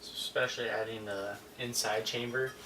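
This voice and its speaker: A man's voice: medium pitch, steady tone, moderate pace, bright, forceful tone, roomy sound. A man chatting casually as he helps review a product. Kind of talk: casual chat. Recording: very noisy, distant mic.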